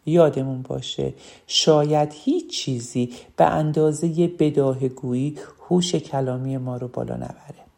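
A woman's voice: rumbling low, gravelly, mellow. A woman giving a spoken lesson on public speaking, emphatic and repeating key phrases.

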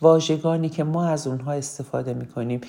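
A woman's voice: deep voice, steady tone, gravelly, warm tone. A woman teaching public speaking in an earnest lecture, often repeating key phrases for emphasis. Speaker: speaking coach. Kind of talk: instructional talk on public speaking.

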